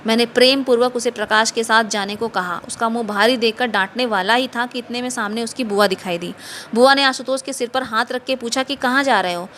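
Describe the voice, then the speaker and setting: Female storyteller, fairly high and bright, steady measured reading of a short story. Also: slight background noise.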